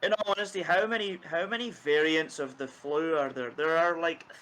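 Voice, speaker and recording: A man's voice: on the high side, moderate pace, a bit bright, slight background noise, rough recording. A man from the east coast of Scotland, telling self-mocking stories as a band guest on a video call. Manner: jokey, self-mocking storyteller. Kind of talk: casual chat.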